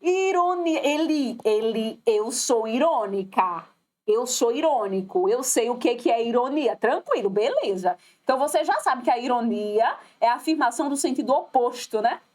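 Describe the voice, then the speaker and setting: Professora brasileira animada, voz aguda. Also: female voice, fairly high pitch, normal speed. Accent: Brazilian Portuguese. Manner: lively, addresses students directly, acts out quoted voices. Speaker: teacher. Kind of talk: recorded online exam-prep lesson.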